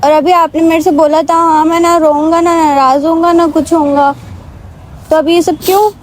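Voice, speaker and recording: A woman's voice: very high-pitched, little pitch movement, normal speed, a little hiss or hum, low-quality recording. A young woman talking a man as she vlogs, pleading and soothing, mixing into her speech and repeating herself often. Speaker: vlogger. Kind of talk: emotional staged vlog conversation.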